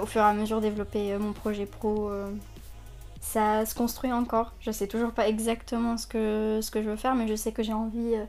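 Speaking in a medium-pitched, darkish voice, a woman in her twenties offers a personal testimony as an interviewee. Raised in Saudi Arabia by Lebanese parents, she talks hesitantly, with lots of fillers and restarts.

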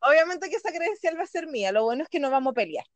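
A woman's voice: sits high, animated, rapid-fire, dry recording. A woman with a Chilean accent co-hosting a podcast, chatting in a giggly, gushing fan manner. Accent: Chilean Spanish. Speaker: podcast co-host. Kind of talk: casual chat.

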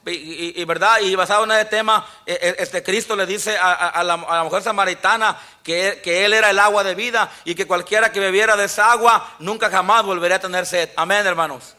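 A male pastor preaching a sermon in a church, quoting scripture and often pausing for "amen, brothers". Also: sits high, fairly even intonation, pushed and bright. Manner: preaching with frequent "amén, hermanos" and quoted scripture. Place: church sanctuary.

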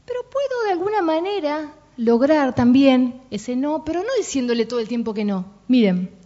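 A woman with a Rioplatense Spanish accent gives an informal parenting workshop talk in a high, dark voice with big pitch swings and a moderate pace. She's chatty, often checking in with "¿no?" and "¿sí?", and the recording is dull and lo-fi.

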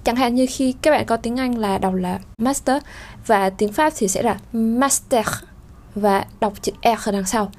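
A woman teaching French pronunciation, explaining slowly with fillers and sounding out vowels. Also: mid-range voice, steady tone, darkish tone. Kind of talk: spoken lesson.

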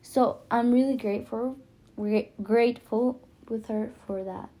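Fairly high-pitched and mellow, with fairly even intonation and a slightly slow delivery, this podcast host is a teenage high school freshman. She's a native Spanish speaker with a Spanish accent, rambling casually and hesitantly in a self-conscious monologue.

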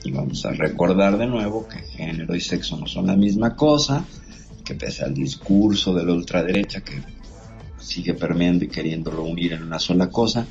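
A man with a very low voice explains things in a measured, lecturing way as host. The sound is dull and lo-fi, with faint music behind him. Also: creaky, darkish tone. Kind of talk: explanatory talk show.

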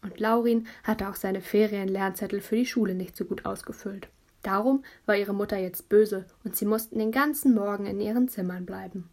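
A woman's voice: mid-range voice, fairly even intonation, moderate pace, a little mellow. Woman narrating a children's story. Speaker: audiobook narrator.

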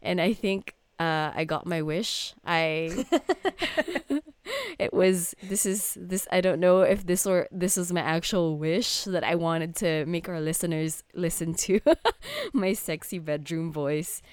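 A young woman chats casually as a podcast co-host. Her voice is on the low side and stuffed up from a cold with a sore throat, in a dry, close recording. She is chatty and prone to giggling. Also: expressive, takes it slowly, no echo. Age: young adult.

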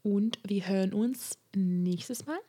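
A woman's voice: mid-range voice, takes it slowly. Chatty woman hosting a podcast. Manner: chatty, laughs often, gives relaxed advice. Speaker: podcast host. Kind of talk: casual podcast chat.

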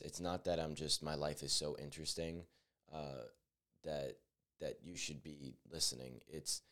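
A nineteen-year-old man hosting a solo podcast, talking earnestly and reflectively, often restarting his sentences and leaning on fillers. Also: extremely low pitch. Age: teens. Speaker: podcast host.

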